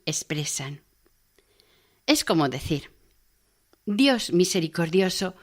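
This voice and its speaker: A woman voicing a learned man who patiently teaches about prayer, in a calm, reverent, instructive tone. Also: on the low side.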